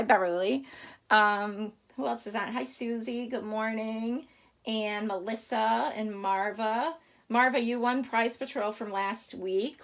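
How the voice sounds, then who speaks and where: A middle-aged woman hosting a casual live craft stream, chatty and rambling, greeting viewers by name while she has the hiccups. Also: mid-range voice.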